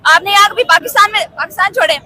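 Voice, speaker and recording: A woman's voice: very high voice, rapid-fire, pushed and bright, a faint crowd. A young woman with a Pakistani accent, a student answering a street interview in an assertive, insistent, lecturing manner.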